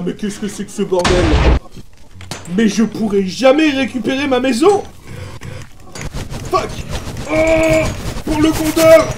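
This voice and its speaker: A man giving excitable let's play commentary, full of exclamations and mild swearing. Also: very high voice, background noise. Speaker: gaming YouTuber.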